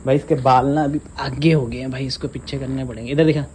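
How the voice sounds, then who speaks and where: A man's voice: mid-range voice, fairly even intonation, quick pace, a little mellow, a little hiss or hum, low-quality recording. A young man hosting a casual home-tour vlog, chatty and teasing, talking to his viewers. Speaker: vlogger. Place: small home indoors.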